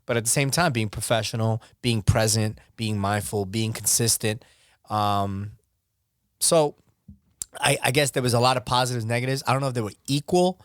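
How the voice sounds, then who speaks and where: A man speaking as a guest on a casual podcast, opening up candidly in halting sentences full of fillers that often trail off softer. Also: mid-range voice, no echo, studio quality. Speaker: podcast guest, basketball referee.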